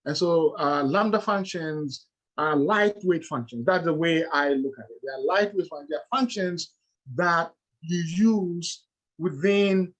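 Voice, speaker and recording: Ghanaian man presenting in a halting lecture tone. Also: a little high, fairly bright tone, poor audio. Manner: explains step by step with many "uh"s and "okay"s.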